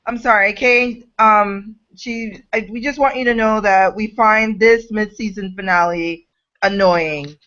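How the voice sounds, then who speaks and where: A woman chatting casually with friends on a live online call, lively and quick to laugh. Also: medium pitch, lo-fi sound. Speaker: fan in a live discussion. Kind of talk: casual group chat. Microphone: video call.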